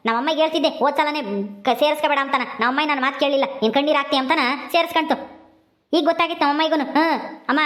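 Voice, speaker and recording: A stubborn young village man snaps back at everyone, sharp and dismissive, as a woman acts him out. The voice sits high and the words tumble out fast. It plays as a village family drama.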